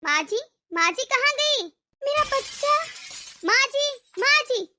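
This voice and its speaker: A bossy young cartoon daughter-in-law. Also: female voice, very high voice, expressive, slow pace, full character voice. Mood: scolding. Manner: sharp, scolding, impatient. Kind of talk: cartoon dub voice acting.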